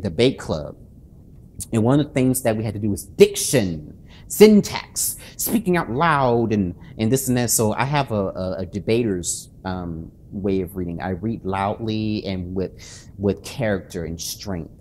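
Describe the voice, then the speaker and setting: A nervous, sleepless author and channel host talks casually to his viewers late at night in a lowish, darkish voice with lively intonation. He halts repeatedly, restarting sentences and leaning on fillers, clearly self-conscious.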